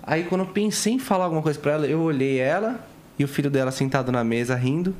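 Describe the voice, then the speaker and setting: A man hosting a podcast, telling a relaxed, slangy anecdote in casual chat. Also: on the high side, fast talker.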